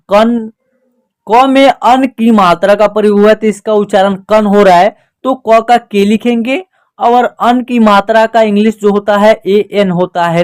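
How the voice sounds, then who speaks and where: A teacher giving a spoken lesson, explaining slowly and patiently, asking questions aloud and answering them right away. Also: mid-range voice, smooth. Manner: slow, patient and repetitive explaining.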